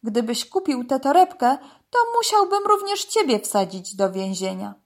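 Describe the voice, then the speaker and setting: A woman voicing a stern male crocodile policeman who barks orders and then explains calmly. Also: mid-range voice, slow pace. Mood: calm explaining. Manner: loud commanding, then calm explaining.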